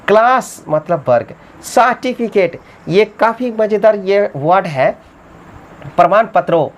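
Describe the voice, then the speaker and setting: A woman's voice: lowish voice, slight background noise. Woman teaching spelling letter by letter. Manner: spells words letter by letter slowly; urges viewers to subscribe. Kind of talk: spelling lesson in Hindi.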